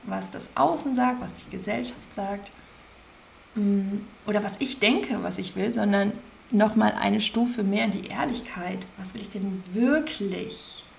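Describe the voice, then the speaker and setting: A woman hosting a podcast, gently guiding listeners through self-reflection, slowly repeating questions and stressing single words. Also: mid-range voice, gravelly, a little hiss or hum. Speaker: podcast host, coach. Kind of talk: guided self-reflection talk.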